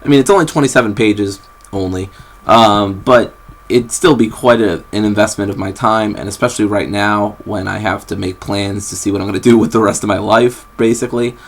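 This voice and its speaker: A young man rambling casually in a vlog from his bed, with lots of fillers and restarts, recorded on a camera's built-in mic. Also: fairly quick. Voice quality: very low, bassy, gravelly voice. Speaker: vlogger. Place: bedroom, sitting on a bed.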